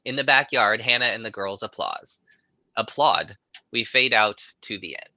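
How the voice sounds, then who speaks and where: A man's voice: fairly low pitch, animated, normal speed, sharp tone, no echo, dull audio. A man narrating stage directions in a live screenplay reading.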